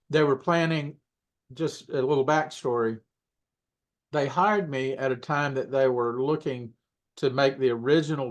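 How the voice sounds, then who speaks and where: A man reminiscing in a relaxed interview, mid-pitched and unhurried. He drifts between thoughts and corrects himself often. He keeps clearing his throat as he goes. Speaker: puppeteer guest. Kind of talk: casual interview storytelling.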